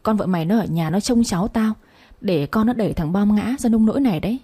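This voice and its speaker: A woman voicing a sharp-tongued elderly mother-in-law who scolds harshly, in a storybook reading. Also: medium pitch, quick pace, breathy edge, lightly acted. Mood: angry. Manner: accusing, harsh.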